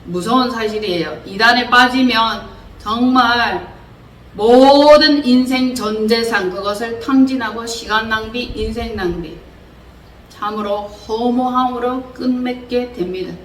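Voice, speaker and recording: A woman's voice: on the high side, unhurried, a bit bright. A woman preacher delivering a sermon, earnestly exhorting her listeners with many rhetorical questions. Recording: roomy echo, distant mic, faint noise.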